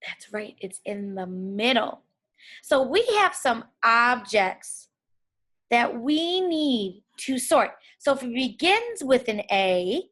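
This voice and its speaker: A woman with a fairly high voice leads a phonics lesson for young children. She takes it slowly, breaking words into sounds with care. She keeps putting questions to her pupils and encourages them as she goes. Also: a bit bright. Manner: slow, deliberate sounding-out with frequent questions to the children; encouraging, praising the listeners.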